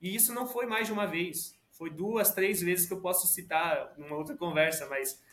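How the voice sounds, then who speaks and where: A man's voice: sits high, moderate pace, a bit bright. A Brazilian man speaking as a podcast guest in a casual, reflective conversational way. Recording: roomy echo.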